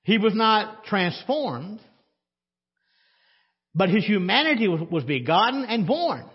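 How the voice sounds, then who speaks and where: A man's voice: sits high, very animated, takes it slowly, husky. A male pastor preaching a sermon in a conversational way, asking the congregation questions and adding dry sarcasm. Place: church sanctuary. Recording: dull audio with long church reverb.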